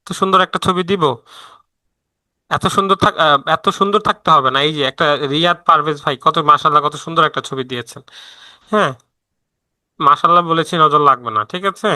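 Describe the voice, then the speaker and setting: A man teaches a live online class in a loose, chatty way, full of "ah" fillers and restarts. His voice is very bright and a touch high, recorded close and completely dry. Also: brisk, long pauses, no room sound. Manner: chatty, answers viewer messages mid-lesson; frequent fillers and self-restarts. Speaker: online freelancing instructor.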